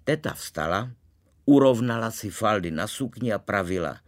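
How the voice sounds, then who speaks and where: A man reading a storybook aloud in a calm, wry, measured way, narrating as a young boy. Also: sits low. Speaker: reader.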